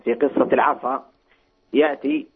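A man's voice: mid-range voice, steady tone, moderate pace. A man from Saudi Arabia calls in over the phone to a religious program, asking questions hesitantly and restarting his phrases as he searches for words. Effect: heard over the phone. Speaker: caller to a religious call-in program. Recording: tinny phone line, husky.

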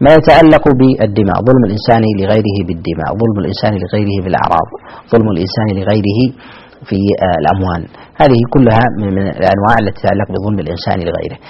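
A man's voice: fairly low pitch, very fast, breathy edge, dull audio. A man giving religious teaching as a scholar in formal standard Arabic, didactic and repeating key phrases for emphasis.

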